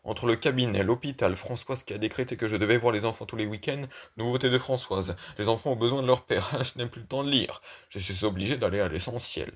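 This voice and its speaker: A man doing a smug, high-pitched art collector. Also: fairly quick, hardly any pauses, natural voice. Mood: pleased. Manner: lively, self-satisfied, teasing. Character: smug middle-aged male art collector. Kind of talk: audiobook reading of a play.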